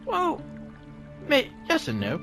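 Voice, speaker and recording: A man narrating casually as game master, improvising hesitantly with lots of pauses. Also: extremely high pitch, wildly swooping pitch, gravelly, over music.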